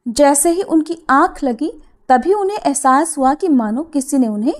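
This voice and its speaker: A woman narrating a devotional folk tale in a steady, expressive manner. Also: high-pitched, normal speed. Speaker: storyteller.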